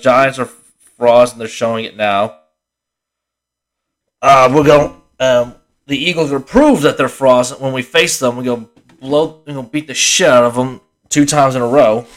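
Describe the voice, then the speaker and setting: A young man hosts a casual podcast on his own, worn out and yawning between thoughts. He rambles, restarts his sentences and swears freely, in a voice of ordinary middle pitch. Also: a bit bright. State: tired, yawning. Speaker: podcast host. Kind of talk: casual solo sports podcast.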